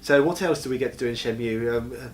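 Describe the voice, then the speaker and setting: A man's voice: mid-range voice, fast talker. Joking man in casual game chat. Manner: playful, jokey, gets excited. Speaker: co-host of gaming chat show.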